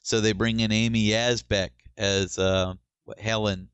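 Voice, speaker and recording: Opinionated man, low dry voice. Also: little pitch movement, measured pace, fairly bright tone, clear, resonant tone, no room sound, muffled recording. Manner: opinionated, explains at length. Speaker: podcast co-host. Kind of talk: casual chat about TV shows.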